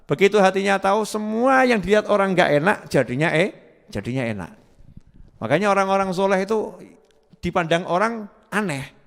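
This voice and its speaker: A man's voice: high-pitched, expressive, brisk, vocal fry. A man preaching a sermon, questioning the listeners and chanting prayers in long drawn tones. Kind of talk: sermon to a live audience. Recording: live sermon with long hall reverb.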